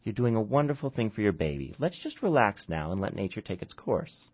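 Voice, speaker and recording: A man voicing a calm, reassuring woman doctor, in a dull lo-fi recording. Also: on the low side, brisk, voice pushed up. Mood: soothing. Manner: soothing, reassuring.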